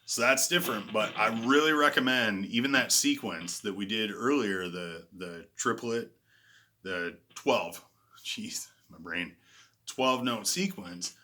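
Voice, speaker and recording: A man giving a casual guitar lesson in a relaxed, self-deprecating way, calling out frets and counting beats. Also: on the low side, normal speed. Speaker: guitar teacher. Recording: loud guitar playing behind the voice. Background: electric guitar.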